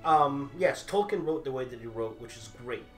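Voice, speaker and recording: A man in his thirties speaks in a mid-range voice at a moderate pace, with faint music behind him. He grew up overseas with Italian as his first language at home, and he argues for the Harry Potter side in a casual debate, animated, gesturing a lot, and restarting often. The recording comes from a small, echoey indoor room full of movie memorabilia.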